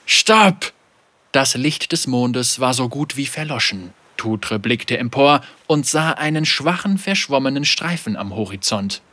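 A man narrating a dark adventure audiobook in a vivid, dramatic storytelling manner. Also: mid-range voice, lively intonation, a little slow, few pauses, dry recording.

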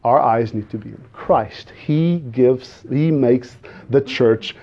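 In a muffled recording, a man from the Azores preaches as a guest in a mid-range voice with a Portuguese accent, Portuguese being his first language. His sermon is earnest yet halting, full of restarts and questions directed at the congregation.

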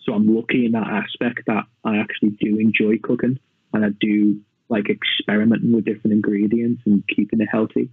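A man's voice: fairly low pitch, flat delivery, fairly quick, husky, no room sound. A chatty man on a tinny line. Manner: chatty, self-mocking, lots of fillers. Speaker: podcast guest, personal training client. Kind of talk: casual chat. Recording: tinny phone-like line, dry.

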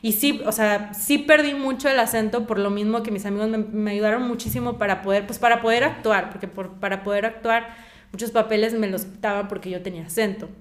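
A woman's voice: medium pitch, steady tone, brisk. A Mexican woman speaking as an interview guest, talking at length with many fillers and acting out remembered conversations. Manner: talkative, fillers, acts out quoted exchanges.

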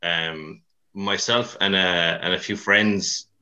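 A CrossFit coach from Mayo and Dublin, Ireland, chats casually as a podcast guest, rambling and colloquial in a west of Ireland accent with a self-deprecating touch. His low voice is sharp-toned and fairly even in intonation, and he takes his time, though the audio is poor.

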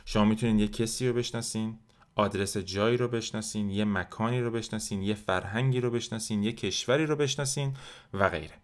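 A man with a fairly low voice runs a French lesson podcast. He drills verb forms slowly and deliberately, then rattles through explanations in easy, casual talk. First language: Persian. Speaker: French teacher and podcast host.

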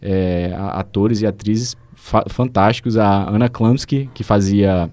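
A man's voice: fairly low pitch, unhurried, darkish tone, dry recording. A Brazilian man with a Brazilian Portuguese accent, co-hosting a casual chat and recommending a series, often restarting his sentences. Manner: hesitant, frequent restarts and fillers. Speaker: show co-host recommending series.

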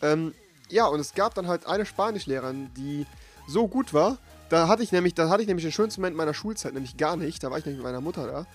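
A young man co-hosting a casual chat, telling school stories in an animated way and acting out the voices of the people in them. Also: fairly high pitch, quick pace, soft background music. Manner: animated storytelling, acts out voices. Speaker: podcast co-host.

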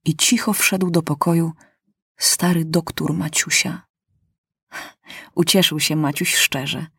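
A woman narrating a storybook in a calm, measured way. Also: deep voice, gravelly, slightly rough, no echo, clean studio sound. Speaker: audiobook narrator.

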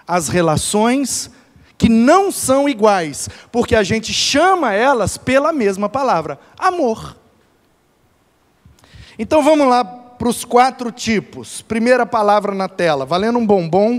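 A man preaching a church talk in a lively, animated storytelling way, laughing along with his own jokes. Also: high-pitched, a little slow. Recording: echoey hall reverb.

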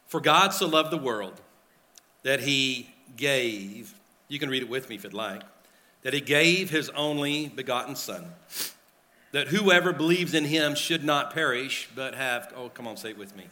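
A man's voice: mid-range voice, animated, unhurried, sharp tone. A man preaching a sermon at a pulpit microphone in a church. He speaks in earnest, repeats his phrases and uses filler words. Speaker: pastor. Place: church sanctuary.

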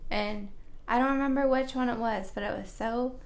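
A woman's voice: fairly high pitch, steady tone, moderate pace. A woman joining her husband's podcast as a guest, chatting casually in a hesitant way with lots of fillers. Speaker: guest, host's wife. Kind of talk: casual chat.

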